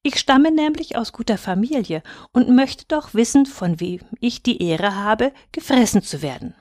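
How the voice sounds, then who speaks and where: A woman's voice: animated, moderate pace, darkish tone, no room sound, studio quality, lightly acted. Woman playing a tiny prim bunny. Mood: polite. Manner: prim, well-mannered, raised pitch. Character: tiny proud young male bunny, prim and polite.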